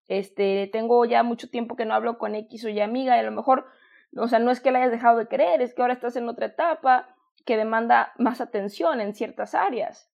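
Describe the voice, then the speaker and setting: A woman with a Mexican accent speaks in a high voice, giving a motivational talk on self-love. She talks in an affectionate, conversational way, repeating and restarting phrases as she goes. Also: vocal fry, dull audio. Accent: Mexican Spanish. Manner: warm, affectionate, addresses listener as "hermosa".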